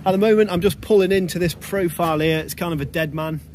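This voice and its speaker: A man's voice: sits high, a little mellow, a little hiss or hum. A young man, a bricklayer, talking casually about his work for a vlog, recorded outdoors on a building site. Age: young adult. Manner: quick, plain-spoken site talk.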